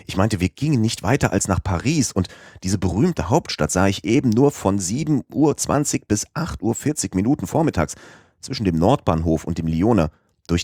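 A man voicing a talkative, excitable French manservant in an audiobook reading, his voice rising higher when he gets emphatic. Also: moderate pace, dry recording, studio quality. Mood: chatty. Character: chatty, excitable French manservant, stubborn and proud. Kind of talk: audiobook character voice.

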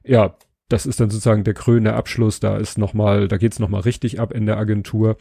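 A man hosting a podcast, giving a relaxed, casual spoken book review and pausing to search for words. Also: on the low side, vocal fry, husky, dry recording, studio quality.

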